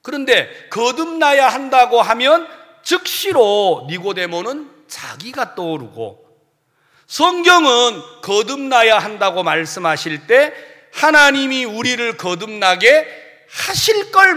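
Male pastor, high bright voice with lively swings, playful sermon delivery, church hall echo. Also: measured pace. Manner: animated preaching, acting out congregants' voices with humor. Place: church sanctuary. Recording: long hall reverb.

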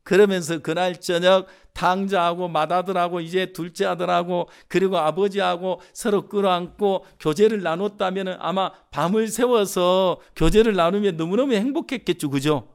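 A man's voice: high-pitched, moderate pace, hardly any pauses, clear, resonant tone. A middle-aged man from Jeolla preaching a sermon, telling stories and acting out voices. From Jeolla, Korea. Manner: animated storytelling, acting out voices. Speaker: pastor.

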